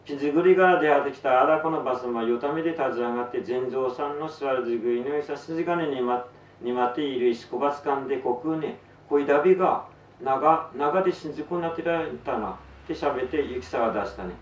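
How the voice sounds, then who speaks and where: A man reciting a story theatrically in thick Tsugaru dialect, with drawn-out phrases and raised cries. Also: medium pitch. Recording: roomy, distant, noisy live recording.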